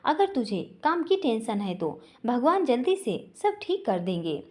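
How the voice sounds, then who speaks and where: A woman voicing a gentle, worried older mother who talks softly and tenderly to her son. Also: fairly high pitch, big pitch swings, unhurried.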